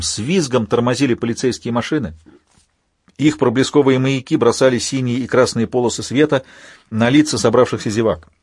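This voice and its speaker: A man narrating an audiobook in an even, measured reading. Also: medium pitch, husky, no echo, clean studio sound. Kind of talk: scripted narration.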